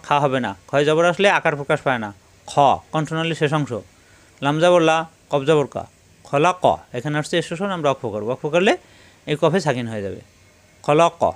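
High, smooth-voiced man teaching recitation. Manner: spells out letters slowly, then chants verses in a slow, drawn-out recitation. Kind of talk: step-by-step recitation lesson.

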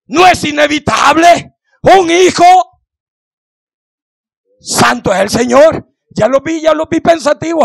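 High-pitched fervent male preacher. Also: gravelly, no echo. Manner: fervent preaching, shouting refrains, swings between loud and hushed; repeats "santo es el Señor" and questions the congregation. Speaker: pastor. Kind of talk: sermon. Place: church.

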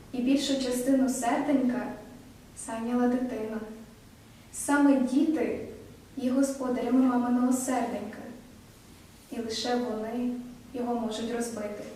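A woman student reading a children's story aloud in a gentle, measured way in an improvised studio. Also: a little high, steady tone. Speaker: student narrator. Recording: very echoey room, distant mic, faint noise.

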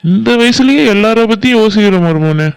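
A man voicing a calm, fatherly village husband in a cartoon, firm and calming with his wife. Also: sits high, a little fast, vocal fry, smooth. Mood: soothing. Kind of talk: Tamil cartoon voice acting.

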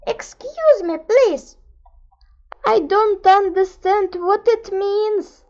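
A woman voicing a naive, boastful wooden puppet boy in a slow, rhymed storybook reading. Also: very high-pitched, highs cut off, pitched above the performer's own voice, full character voice. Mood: eager. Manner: excitable, whiny.

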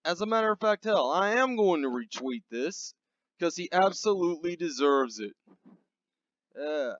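A man's voice: a little high, lively intonation, moderate pace, a bit bright, dry recording, lo-fi sound. A man hosting a satirical show, delivering a profane, repetitive, mocking comedy rant. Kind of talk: ranting comedy monologue.

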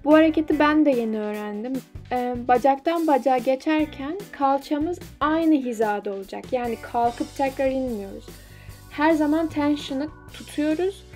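A woman's voice: high-pitched, normal speed, darkish tone, faint music behind. A young woman vlogger talking casually and explaining a workout step by step in an instructive, slightly self-deprecating way. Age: young adult. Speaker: fitness vlogger.

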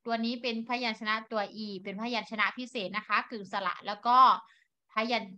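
A young woman teaching young children over a video call, patiently spelling sounds out slowly and asking them questions. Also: fairly high pitch, fairly even intonation, pushed and bright. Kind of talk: online classroom lesson. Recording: dull lo-fi online call audio.

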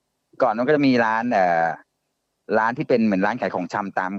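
Halting man telling a ghost story. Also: on the low side, no echo, lo-fi sound. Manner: halting, repeats words and restarts often. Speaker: guest storyteller. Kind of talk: casual ghost story telling on a live show.

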